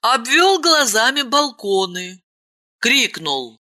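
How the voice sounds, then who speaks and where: A woman narrating a story in an expressive, dramatic reading. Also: a little high, slow. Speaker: audiobook narrator. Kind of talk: scripted narration.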